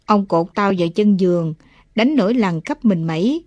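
A man's voice: high voice, lively intonation, normal speed, darkish tone, no room sound, voice pushed up. A man voicing a poor, sorrowful old village woman in an audiobook, speaking plaintively.

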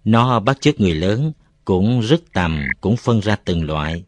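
A man reading a novel aloud as narrator, with calm, even storytelling. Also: lowish voice, a little slow, a little hiss or hum. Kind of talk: audiobook narration.

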